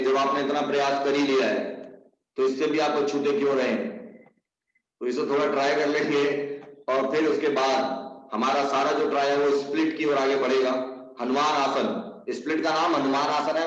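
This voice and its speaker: A man teaching a live online yoga class, coaching students through poses and praising them by name. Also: fairly high pitch. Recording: distant, echoey, dull room sound.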